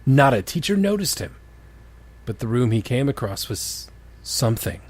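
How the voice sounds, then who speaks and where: Co-hosting a comedy podcast, a man reads fan fiction aloud as a comic dramatic reading, stopping for jokey, casual banter. His husky, medium-pitched voice swings widely in pitch at a moderate pace.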